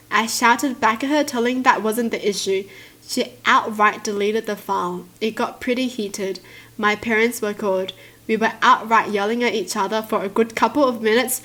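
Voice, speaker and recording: A woman reading stories aloud and commenting on them casually, with an animated, exclamatory and indignant manner. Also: fairly high pitch. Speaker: video host reading stories and reacting.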